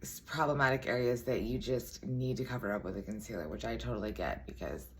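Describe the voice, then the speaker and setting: A woman with a raspy voice giving a casual makeup tutorial, chatty and full of self-deprecating asides. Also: extremely low pitch, fairly quick, slight background noise.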